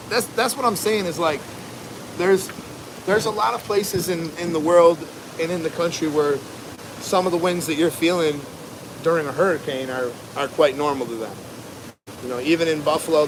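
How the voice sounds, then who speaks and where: A laid-back American man chats casually to a livestream from outdoors. His voice sits a little on the high side, and he rambles in easy slang. Strong wind and rushing ambient noise run behind his words. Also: fairly even intonation. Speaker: livestream host, barber. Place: outdoors at home during a windy storm. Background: wind and rushing water ambience.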